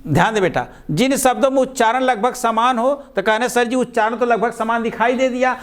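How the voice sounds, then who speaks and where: A male teacher giving a classroom lesson with a slight tinge, speaking patiently and repeating words slowly for his students. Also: very high voice. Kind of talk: classroom lecture.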